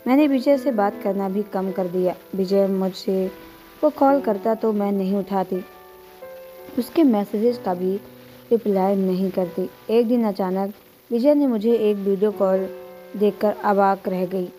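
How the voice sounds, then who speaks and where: Mellow-voiced woman telling an emotional story. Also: mid-range voice, unhurried, faint music behind, poor audio. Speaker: storyteller and channel host. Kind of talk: first-person story narration.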